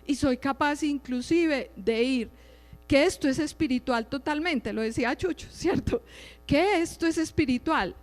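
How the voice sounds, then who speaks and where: A woman's voice: high-pitched, measured pace. A middle-aged woman gives a religious teaching mixed with personal testimony. She speaks in a conversational way and keeps checking in with her listeners. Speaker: lay preacher giving testimony. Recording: reverberant hall with faint music behind.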